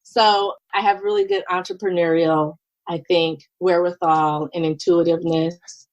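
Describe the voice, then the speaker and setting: A woman in her fifties, a podcast guest, telling her story in a lively, animated way and acting out what people said. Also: on the low side, normal speed, no room sound, highs cut off. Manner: lively, animated, acts out quoted dialogue. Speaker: podcast guest, nurse and business owner. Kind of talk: casual conversational storytelling.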